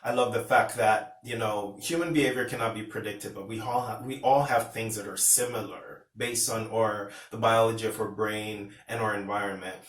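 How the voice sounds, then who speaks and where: A man's voice: fairly low pitch, fairly even intonation, moderate pace, hardly any pauses, fairly bright tone. A man from Pennsylvania telling a personal story to camera in a casual, rambling way, with restarts and retold dialogue. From Pennsylvania, USA. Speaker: vlogger. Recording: roomy, distant from the mic.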